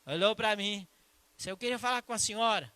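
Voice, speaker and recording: A male pastor from preaching a sermon in a church, telling a personal story with emphasis and later slowing into hushed prayer. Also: high-pitched, smooth, no room sound.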